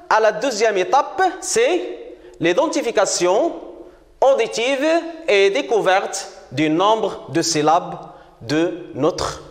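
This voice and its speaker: A man leads a children's reading lesson at a very slow, deliberate pace, repeating each word and praising often. His voice sits high and swings widely in pitch. The recording has a roomy echo with a long reverb tail. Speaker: primary school teacher.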